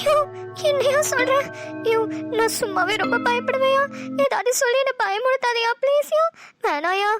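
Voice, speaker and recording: A woman voicing a jumpy young cartoon wife who scares easily and pleads in a whiny, excitable way. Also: very high voice, moderate pace, over loud music. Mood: scared. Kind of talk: cartoon voice dubbing.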